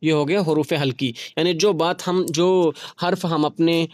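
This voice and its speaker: A man's voice: on the high side, fairly even intonation, measured pace, dry recording. A man teaching a grammar lesson, patiently repeating terms and sounding out letters for learners to say along with him. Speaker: Urdu teacher.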